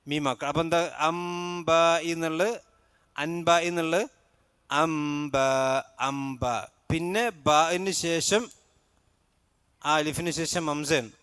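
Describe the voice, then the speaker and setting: A man teaching a mosque class on Quran recitation, his voice smooth and resonant and a little above the usual pitch for a man. He chants each verse slowly, then explains the rules and asks his class questions. The sound is dry and close. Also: a bit bright, no room sound.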